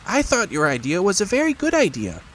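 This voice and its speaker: Dude doing a tiny nervous piglet, squeaky high, faint rain behind. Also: male voice, huge pitch swings, a little fast, a bit bright, slight background noise, heavily acted, low-quality recording. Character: timid small male piglet, nervous.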